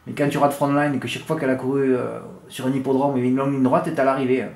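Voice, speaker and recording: A man's voice: very fast, roomy sound. A man giving horse racing tips in a casual monologue, joking crudely and swinging his voice up and down. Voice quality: has a noticeable accent others laugh at. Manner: animated, crude joking, big swings in pitch and loudness.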